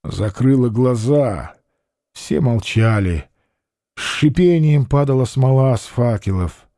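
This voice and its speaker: A male narrator reads a historical novel aloud in a grave, measured way. His delivery is slow and his tone mellow and dark, with a dry, close sound. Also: medium pitch, animated, no echo. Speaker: audiobook narrator. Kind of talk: audiobook reading of a historical novel.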